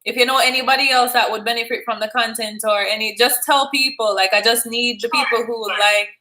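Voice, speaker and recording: Over a noisy background, a woman with a somewhat high voice and fairly even intonation talks briskly. Running a call-in live stream, she chats with her caller in a friendly, encouraging way, laughing along.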